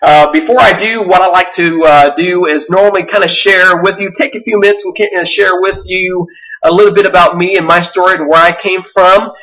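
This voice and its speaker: A man in his forties from Vietnam, giving an earnest sales-pitch webinar with frequent fillers and restarts. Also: steady tone, brisk, fairly bright tone, far from the mic, rough recording. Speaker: webinar presenter.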